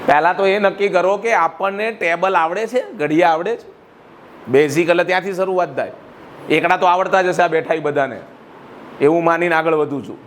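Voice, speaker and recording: A middle-aged school director from Gujarat, India, speaks with a Gujarati accent in a high, fairly quick voice, with slight background noise. In a school hall he gives students a motivational speech, rhetorically quizzing the audience.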